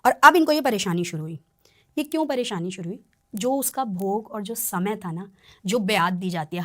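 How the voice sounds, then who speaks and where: A woman tarot reader talking on a podcast, explaining in an earnest, warning tone. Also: mid-range voice. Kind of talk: podcast conversation.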